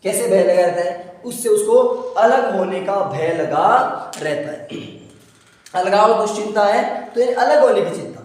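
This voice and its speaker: A man's voice: high-pitched, measured pace, a little mellow. A man teaching a class, who repeats his points and asks the class questions before he answers them himself. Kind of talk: classroom lecture on psychology. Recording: echoey room, voice from a distance.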